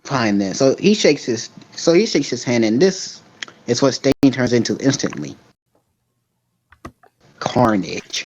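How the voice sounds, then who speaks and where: A man's voice: mid-range voice, lively intonation, normal speed, a little mellow, a little hiss or hum. A man casually telling an improvised fan story to a friend, rambling, restarting often and checking in with "right?". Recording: dull lo-fi recording.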